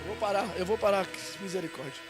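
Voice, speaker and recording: A man with a Brazilian Portuguese accent, a pastor preaching a fervent Pentecostal sermon in a church, often shouting and chanting his phrases. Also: high voice, fast talker, over music.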